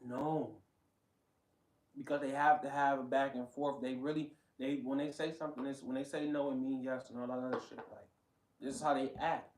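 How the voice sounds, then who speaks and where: A man's voice: mid-range voice, flat delivery, brisk, darkish tone, echoey room, recorded from a distance, low-quality recording. A man giving blunt, profane, emphatic casual commentary while reacting to a video.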